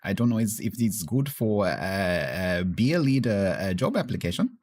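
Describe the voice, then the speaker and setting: A man voicing a naive, bumbling farmhand at a job interview, hesitant and halting in broken English. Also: fairly low pitch, big pitch swings, a little mellow. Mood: eager, halting. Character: naive bumbling German farmhand job applicant named Klaus.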